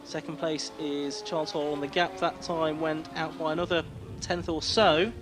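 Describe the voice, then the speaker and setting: A man's voice: on the high side, little pitch movement, moderate pace. A man working as a motorsport commentator, calling a race live with descriptive play-by-play. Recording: noisy trackside outdoor sound, engines behind.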